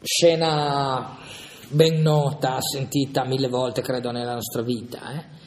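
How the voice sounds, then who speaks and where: A man's voice: medium pitch, little pitch movement, slow. Hesitant man teaching in an echoey hall. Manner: hesitant, thinking aloud, frequent "no?" asides. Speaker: Bible study leader. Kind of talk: informal Bible lesson with a reading. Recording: long reverb in a hall.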